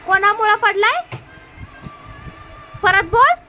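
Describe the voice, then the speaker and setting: A woman's voice: very high voice, lively intonation, slow, music in the background. A woman with a Marathi accent playing an aunt in a family comedy sketch, scolding and arguing sharply.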